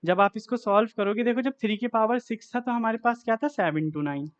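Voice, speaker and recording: A man with a high-pitched voice teaches a maths lesson at a fairly quick pace, though the recording sounds muffled. He works through sums aloud step by step, asking himself what comes next each time.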